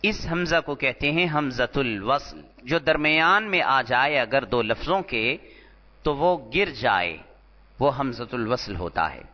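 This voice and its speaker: A man teaching Arabic grammar terms in a recorded lecture, explaining slowly and repeating each term, sometimes chanting scripture. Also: mid-range voice, expressive, sharp tone. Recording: dull lo-fi audio in a reverberant hall.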